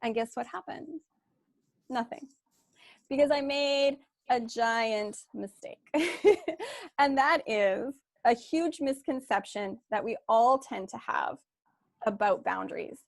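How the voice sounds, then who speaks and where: A woman's voice: on the high side, creaky, dry recording, studio quality. A woman life coach giving a candid online workshop talk, telling her story with many "you know"s and "like"s over a video call.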